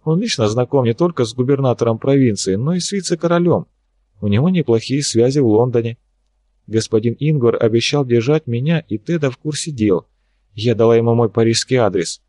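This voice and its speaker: A man's voice: medium pitch, a little fast, warm tone, no room sound, close to an everyday voice. A man reading an audiobook, voicing a wry, worried young woman scientist in a lightly raised voice with a musing, ironic manner.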